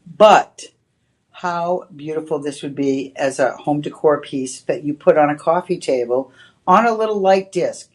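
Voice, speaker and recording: Her voice sits low and darkish, and she takes her time. She's a Boston-accented shopping channel host making a live on-air pitch in a TV shopping studio, rambling through chatty patter peppered with "you know"s.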